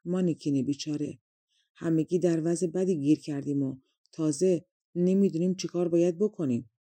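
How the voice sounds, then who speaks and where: Brief: woman reading as a clever little storybook monkey, coaxing and playful, mellow dry sound. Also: low voice, no room sound. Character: small clever talking female monkey, magical.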